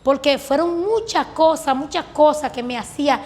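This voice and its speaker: A woman's voice: high voice, moderate pace, darkish tone. A woman earnestly telling her religious testimony as a guest, recounting prayers and answers with fervent conviction. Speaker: guest giving a faith testimony.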